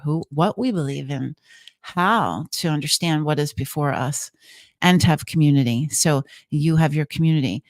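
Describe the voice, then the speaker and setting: A woman's voice: low voice, no room sound, clean studio sound. A woman speaking as an interview guest, explaining things conversationally in earnest, emphatic short phrases. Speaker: guest, trance channeler.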